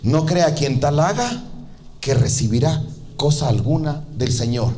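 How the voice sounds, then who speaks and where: A man preaching a sermon as pastor, telling the story lively and acting out the voices of the people in it. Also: measured pace. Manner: animated storytelling, acting out voices with big pitch jumps.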